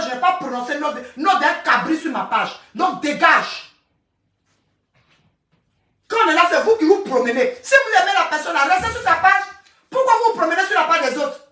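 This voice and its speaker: A woman's voice: very high-pitched, sharp tone, recorded from a distance. A woman coach ranting angrily on a live stream, scolding with many repeats and stammered restarts, away from the mic in an echoey room. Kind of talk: angry live-stream rant.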